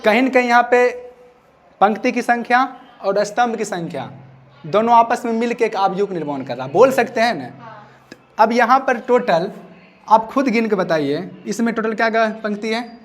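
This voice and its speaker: A man's voice: sits high, expressive, normal speed. A man teaching a maths class, repeating his questions so students answer back. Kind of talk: classroom lecture.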